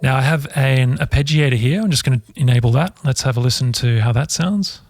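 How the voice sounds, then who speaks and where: A man walking through music production tools in a relaxed, chatty way, recorded on a studio microphone. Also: mid-range voice, a little fast. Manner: relaxed, chatty, self-deprecating. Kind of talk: casual software tutorial.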